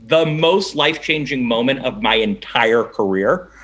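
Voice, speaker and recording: Animated man telling a career story. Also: mid-range voice, a little slow, husky. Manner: animated, acts out both sides of conversations. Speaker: interview guest. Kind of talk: casual storytelling in an interview.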